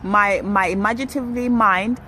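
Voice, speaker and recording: A young woman from Kenya telling a personal story to her viewers in a chatty, animated way, outdoors while waiting for a ride. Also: mid-range voice, normal speed. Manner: chatty, animated, self-correcting. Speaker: vlogger. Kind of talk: casual storytelling to camera. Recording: street traffic noise behind.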